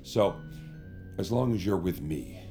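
Over music, an actor voices a smarmy showman of a celebrity who casts himself as a savior in an audio drama. His low male voice has lively intonation and a measured pace, with a pompous, evasive manner that comes across as grandiose yet reassuring.

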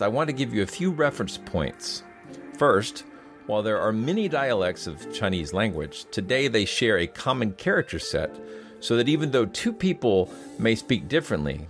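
A man hosting a science podcast, reading scripted introductions and explanations in a measured, explanatory way. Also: low voice. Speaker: podcast host.

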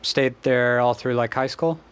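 A man's voice: mid-range voice, steady tone, unhurried, clear, resonant tone. A man from Western Massachusetts hosting a casual interview, asking curious, friendly questions. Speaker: podcast host.

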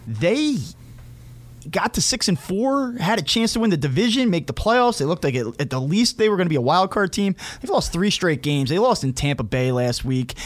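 Guy on a sports podcast, slightly high voice, breaking things down conversationally. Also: big pitch swings, normal speed. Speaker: sports betting commentator and podcaster. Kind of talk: conversational sports talk analysis.

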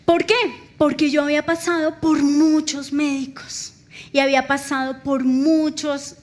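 A middle-aged woman with a high voice delivers a sermon. She tells stories with strong emotion and acts out the dialogue, her pitch rising and falling. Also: little pitch movement, a little slow. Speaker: pastor.

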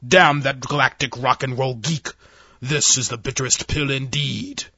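A man's voice: medium pitch, expressive, moderate pace, fairly bright tone, husky, dry recording, dull audio. A man voicing a furious, commanding alien male admiral with eye stalks, growling and blustering in a story reading. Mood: roaring.

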